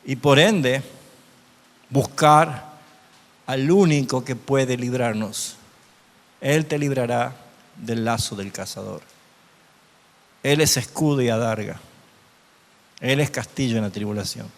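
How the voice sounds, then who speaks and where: A man's voice: medium pitch, takes it slowly, gravelly, pauses often. A man teaching a Bible class as a pastor, often asking his listeners questions. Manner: asks the audience rhetorical questions. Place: church hall. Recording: long hall reverb.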